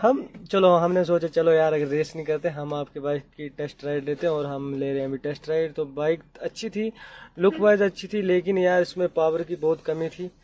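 Young male vlogger, pushy and teasing, high mellow voice, casual banter. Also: steady tone, brisk, slight background noise. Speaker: vlogger pulling a prank. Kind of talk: casual prank vlog banter. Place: outdoors by the road with motorbikes.

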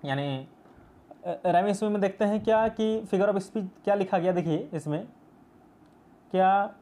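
A man's voice: high-pitched, normal speed, dark tone. A male teacher explaining a poem in a class video, patient and repetitive, mixing English terms into his speech. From India.

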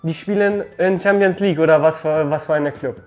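High-voiced young man, casual prankster. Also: brisk, a little mellow. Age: 20s. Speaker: prank call host. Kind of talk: casual prank video talk. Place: living room sofa, indoors.

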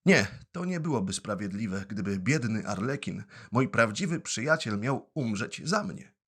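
A man voicing a little wooden puppet boy with a high, tearful, imploring voice. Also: expressive, normal speed, fairly bright tone, slightly rough. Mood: heroic.

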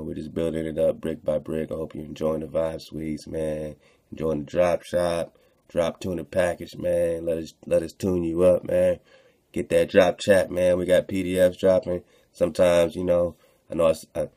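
The online radio host's voice is bass and dark-toned. He reads texts aloud, chats casually about them, repeats phrases to drive points home and addresses his audience in slang.

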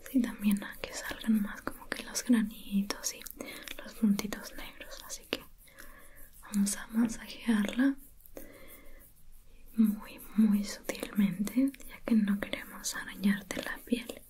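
Slowly and in a steady, medium-pitched whisper, a woman acts as a soothing facial therapist in an ASMR spa roleplay. Her soft, breathy voice guides the listener with gentle attentiveness.

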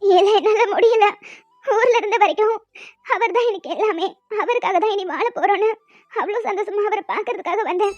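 A woman's voice: very high-pitched, a little fast. A woman voicing a remorseful, jealous young woman who talks in an earnest, pleading way. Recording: dull lo-fi audio with music.

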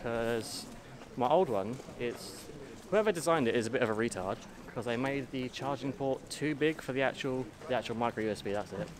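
A man's voice: medium pitch, brisk, a crowd in the background. A young man, chatting casually while walking outdoors, laid-back and swearing now and then. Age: young adult. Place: city street outdoors.

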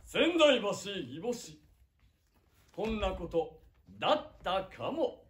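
A man plays a proud feudal warlord whose lively voice swoops up into booming, old-fashioned proclamations. He sounds far from the mic in a big echoing hall with a long reverb tail. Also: takes it slowly, exaggerated voice. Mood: jovial. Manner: archaic lordly speech, booming declarations. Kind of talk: costumed stage skit. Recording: echoey hall heard from far off.

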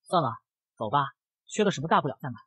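A man's voice: fairly high pitch, animated, quick pace, pushed and bright, slightly rough, no room sound, exaggerated voice. A man doing a snappy spoiled young rich guy. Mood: irritable. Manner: irritable, snappy. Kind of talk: comic narration.

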